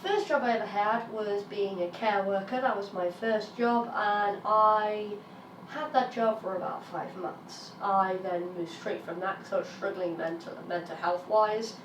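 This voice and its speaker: A British woman in her thirties talks candidly to her vlog audience, her voice a little raspy as she gets over an illness. She's frank and emphatic, swearing when frustrated, and speaks unhurriedly at a medium pitch. The sound is roomy and distant, with faint ambience and a little hiss or hum.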